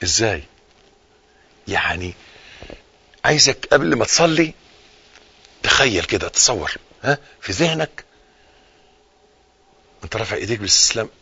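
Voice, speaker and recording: Bright-voiced Egyptian man teaching religion. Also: sing-song, normal speed, vocal fry, pauses often, slightly rough, lo-fi sound. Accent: Egyptian Arabic. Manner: repeats key phrases, swings from forceful emphasis to hushed low tones. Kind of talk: live broadcast religious lesson.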